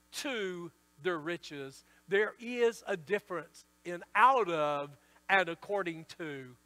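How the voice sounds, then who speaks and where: Middle-aged pastor preaching from the pulpit. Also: male voice, high-pitched, a bit bright. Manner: emphatic preaching with slowed, stretched phrase endings. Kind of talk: sermon. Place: church sanctuary. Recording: long church reverb.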